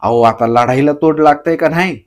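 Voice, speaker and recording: A man voicing a sly joking villager who drawls slowly and teases. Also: a little high, lightly acted. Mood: teasing. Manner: slow, drawling, teasing, throat-clearing. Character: sly joking male villager, slow teasing talker.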